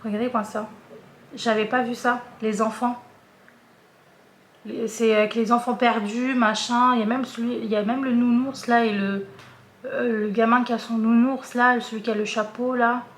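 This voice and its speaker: A woman's voice: fairly high pitch, flat delivery, normal speed, reverberant, slight background noise. A woman vlogger chatting casually and hesitantly, with many fillers and restarts. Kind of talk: casual chat.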